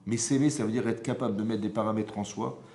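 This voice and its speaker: A man, a rabbi, giving an informal Torah lesson, animated and often checking with his audience through rhetorical questions. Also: fairly low pitch, quick pace, a little hiss or hum. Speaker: rabbi teaching a class. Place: synagogue hall. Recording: roomy hall echo.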